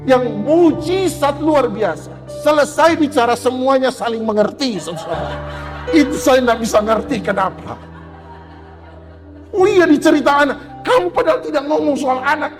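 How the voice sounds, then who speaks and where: A man's voice: very high-pitched, long reverb tail. A male pastor preaching a humorous sermon, joking and acting out little quoted exchanges. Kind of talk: humorous sermon to a women's gathering. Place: church hall.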